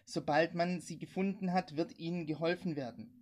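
A worried man speaks insistently, trying to get help for a stranger he hears over the radio. A woman reader voices him in her own low, husky tone. His delivery is agitated and urgent. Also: steady tone, normal speed, darkish tone, close to an everyday voice.

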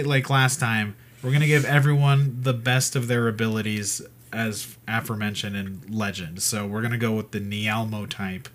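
A man's voice: lowish voice, fairly bright tone. A young man co-hosting a casual podcast, joking around and reading facts aloud in a laid-back way. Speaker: podcast co-host. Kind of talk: casual chat.

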